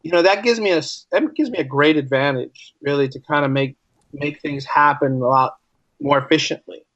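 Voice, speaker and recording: A teacher from the United States, guesting on a podcast, speaks at a normal pace in a fairly high, somewhat bright voice. He argues emphatically in a conversational interview, leaning on repeated phrases and rhetorical questions, and the recording is muffled but echo-free.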